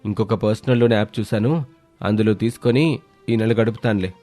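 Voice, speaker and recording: A man voicing a stubborn, status-obsessed young husband in an animated story. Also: fairly low pitch, fairly quick, faint music behind, close to an everyday voice. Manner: stubborn, boastful.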